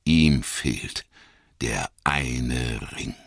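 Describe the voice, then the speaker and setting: A man voicing an ancient male wizard, grave and wise, speaking slowly and solemnly in an audiobook reading. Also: a bass voice, expressive, vocal fry, no echo, studio quality, heavily acted. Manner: slow, solemn storytelling.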